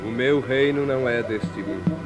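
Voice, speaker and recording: An actor playing a calm, dignified Jesus as a prisoner in a biblical drama, speaking in a solemn, measured manner. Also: male voice, medium pitch, loud music behind the voice, natural voice, rough recording. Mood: serene, solemn. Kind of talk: biblical audio drama acting.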